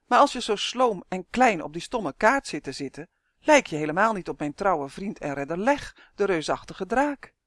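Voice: medium pitch, sing-song, normal speed, a bit bright, dry recording, clean studio sound. A reader voicing a stubborn dreamy young boy. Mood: pleading.

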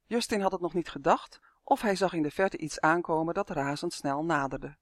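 A narrator reading a children's fantasy story aloud in a lively, expressive storytelling manner. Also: medium pitch, normal speed, no echo, studio quality. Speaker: audiobook narrator.

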